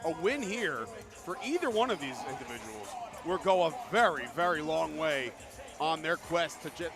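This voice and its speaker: High-pitched male wrestling play-by-play commentator. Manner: exasperated, argumentative with his co-commentator. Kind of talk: excited live wrestling commentary. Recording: loud music behind the voice.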